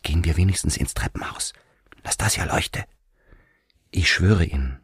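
Agitated young man, read by a man, urgent, half-whispered, deep, dry. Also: expressive, moderate pace, vocal fry, darkish tone, slightly rough, no echo, exaggerated voice. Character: agitated young man, barely holding himself together.

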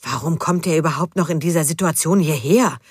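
A woman's voice: low-pitched, brisk, breathy edge, no echo, studio quality. A woman reading an audiobook, voicing a puzzled, cautious man who sounds bewildered.

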